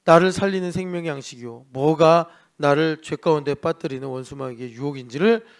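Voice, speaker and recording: Male pastor, middle-aged, lively sermon delivery, voices for characters, higher-pitched. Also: brisk. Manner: animated preaching, mimics the devil and sulking people. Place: church worship service.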